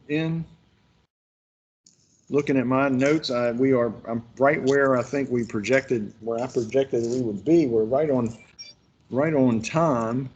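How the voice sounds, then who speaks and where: A man's voice: mid-range voice, darkish tone, muffled recording. A man leading a workshop, telling folksy stories in a rambling way with lots of restarts. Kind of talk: casual virtual workshop instruction.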